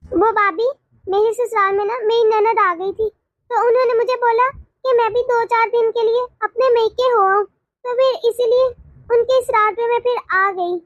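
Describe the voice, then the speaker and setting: A woman's voice: extremely high pitch, steady tone, moderate pace, dry recording, lo-fi sound. A woman voicing a chatty, polite young married sister on a family visit in a cartoon. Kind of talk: animated cartoon dialogue.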